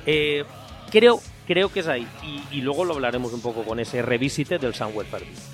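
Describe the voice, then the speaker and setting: A man with a Spain Spanish accent hosts a casual music podcast, building his points slowly and repeating phrases as he thinks. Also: medium pitch. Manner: thoughtful, repeats phrases while building an argument. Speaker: podcast host.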